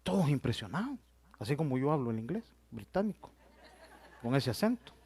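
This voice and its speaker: A male pastor with a medium-pitched, darkish voice preaches a sermon, very animated and fairly quick. He tells stories and often addresses his listeners as "hermano," meaning brother.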